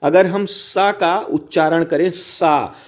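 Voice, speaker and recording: A man with a somewhat high-pitched voice teaches an exam-prep grammar lesson. He explains step by step, repeats his phrases and keeps addressing his viewers as friends. He slowly sounds out syllables to demonstrate pronunciation. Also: animated, a little mellow.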